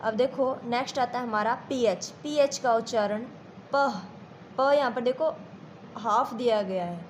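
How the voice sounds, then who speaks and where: Slow, patient Indian woman teacher. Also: fairly high pitch, slight background noise. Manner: slow and repetitive, checks understanding with questions. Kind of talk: classroom lesson.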